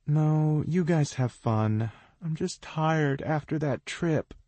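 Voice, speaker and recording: A woman's voice: low-pitched, takes it slowly, mellow, no room sound, pitched above the performer's own voice. A man voicing a catty, scheming young woman who talks in a sing-song, crowing way. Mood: fake tired.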